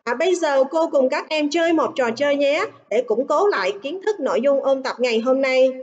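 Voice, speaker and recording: A woman with a Vietnamese accent, an English teacher in a recorded online lesson, reading quiz items slowly and carefully. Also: high voice, animated, darkish tone, lo-fi sound, soft background music.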